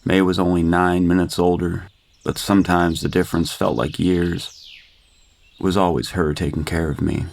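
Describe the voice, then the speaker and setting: A man narrating a first-person horror story in a steady, grim manner. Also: low voice, gravelly, slight background noise.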